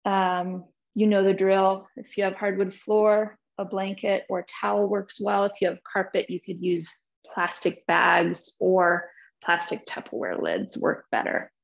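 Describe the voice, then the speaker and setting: A woman fitness instructor talking her online class through the props for the day, relaxed and chatty over a video call. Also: medium pitch, unhurried, vocal fry, muffled recording. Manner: relaxed, chatty, loose with fillers. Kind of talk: live online class intro.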